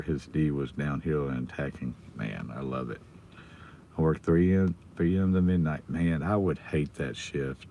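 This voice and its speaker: A low-voiced American man chats casually to his livestream. His voice is hoarse and almost gone, so he stays subdued and avoids getting loud. He is recorded in a car with some background noise. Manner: subdued, holding the volume down. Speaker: livestream host. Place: inside a car in a school pickup line.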